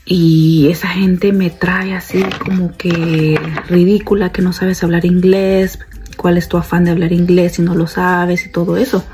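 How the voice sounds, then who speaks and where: A woman's voice: lowish voice, flat delivery, measured pace, warm tone, a little hiss or hum. A young woman vlogging casually to her viewers, chatty and repeating herself as she talks to them directly.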